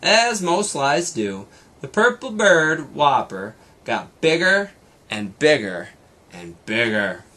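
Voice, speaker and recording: A man reading a children's story expressively, pausing to explain and comment for young listeners. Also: a little high, sing-song, pushed and bright. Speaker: storybook reader for schoolchildren. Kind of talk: expressive children's read-aloud.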